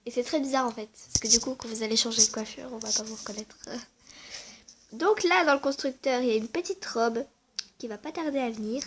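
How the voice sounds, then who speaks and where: A woman's voice: fairly high pitch, a little fast, a little hiss or hum. A woman casually walking viewers through her game character, chatty and hesitant, muttering asides under her breath. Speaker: game vlogger. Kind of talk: casual game walkthrough chat.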